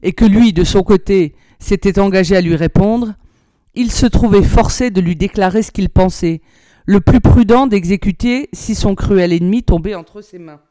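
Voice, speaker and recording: A woman reading an old storybook aloud in a measured, expressive way. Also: medium pitch, dry recording, clean studio sound. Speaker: narrator, reader.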